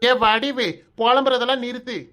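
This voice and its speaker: A woman with a Kanyakumari Tamil accent voicing a calm, pious middle-aged village husband in a cartoon, reasoning slowly and soothingly. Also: on the high side, lightly acted.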